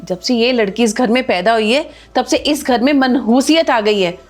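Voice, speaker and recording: Acting a scolding scene in a Hindi short film, a woman portrays a harsh, bossy mother-in-law, a grandmother figure commanding her family. She speaks at normal speed in a slightly high voice close to everyday speech.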